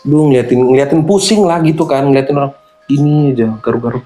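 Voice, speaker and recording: A man's voice: mid-range voice, quick pace. A man, animatedly telling a true horror story in casual slang. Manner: animated, slangy, acts out voices. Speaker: guest storyteller.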